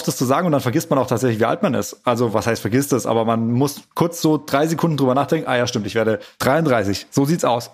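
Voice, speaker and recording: A man in his thirties chats casually on a podcast. He talks very fast and rambles, dropping in hesitant fillers, at a mid pitch for a man. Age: 30s. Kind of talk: casual chat.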